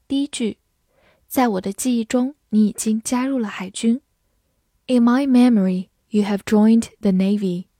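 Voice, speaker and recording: A woman teaching an English vocabulary lesson, reading each word slowly and carefully, then explaining it. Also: medium pitch, warm tone, no room sound, studio quality.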